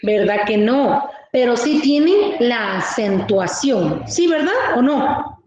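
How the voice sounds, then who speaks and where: Slow teacher woman in an echoey room. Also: a little high, expressive, highs cut off, a crowd in the background. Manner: slow, explaining, asks pupils questions. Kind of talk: online class teaching. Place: video call. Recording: very echoey room with faint noise.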